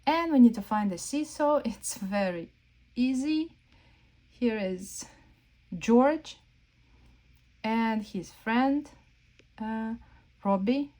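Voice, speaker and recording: A children's read-aloud host, this woman has a slightly high, darkish voice with lively intonation, speaking slowly and pausing often. She reads a picture book to young kids, playfully asking simple questions over and over and nudging them to look, with simple, repetitive wording for small children.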